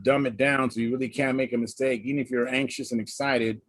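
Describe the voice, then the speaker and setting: A man hosting a casual live hangout, chatting in a halting, conversational way and reading out comments. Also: medium pitch, fairly even intonation, no room sound. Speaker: host of a hobby livestream hangout. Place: live online video hangout.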